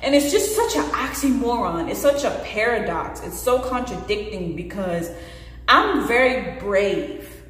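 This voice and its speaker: A woman in her late twenties speaks openly and earnestly in a personal vlog, her hands moving as she talks. Her voice sits at an ordinary middle pitch. It rings around a bare, very echoey room with a long reverb tail, picked up by the camera's own mic. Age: late 20s. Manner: earnest, expressive, gestures with hands while talking. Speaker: vlogger. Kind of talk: candid personal vlog talk.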